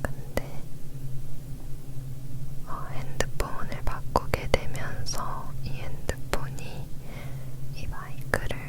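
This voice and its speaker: A young woman leaning in to whisper softly and carefully into a close microphone, chatting casually in an ASMR style. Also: slow, pauses often, low-quality recording. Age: young adult. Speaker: ASMR video creator. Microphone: close recorder microphone.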